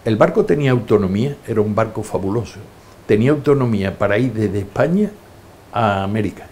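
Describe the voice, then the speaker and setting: A man's voice: lowish voice, fairly quick, a little hiss or hum. An older man in an interview, telling his life stories and acting out the voices of people in them. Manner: lively anecdotes, acting out quoted voices. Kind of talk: storytelling interview.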